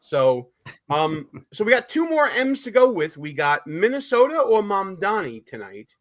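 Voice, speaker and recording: A man's voice: sits high, sing-song, a little slow. A man with a Brooklyn accent hosting a casual live political talk show in a chatty, informal way.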